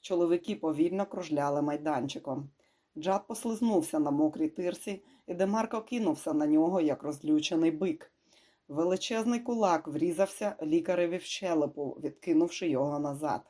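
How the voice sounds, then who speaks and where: An audiobook narrator reading a thriller in a steady, measured way. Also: mid-range voice.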